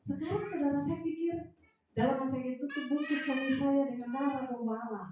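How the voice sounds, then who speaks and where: A woman preaches a lively sermon, her voice sitting a little high as she moves between loud bursts and quieter asides. She sounds a bit distant from the mic, and the sound rings through a very echoey church hall. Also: fairly quick, background noise. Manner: lively, animated storytelling with swings in loudness.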